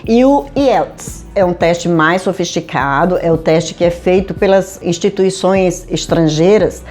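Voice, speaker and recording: Speaking from her home studio in Manaus, a middle-aged Brazilian HR consultant and career advisor with a local Manaus accent talks directly to camera, addressing viewers conversationally and emphatically with plenty of rhetorical questions. Her voice is fairly low, darkish in tone, and a little slow, with faint music in the background.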